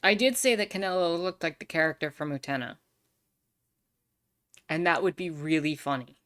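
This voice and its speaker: A woman's voice: low-pitched, normal speed, a bit bright. A woman streaming a game, chatting casually as she comments on the story and reads dialogue.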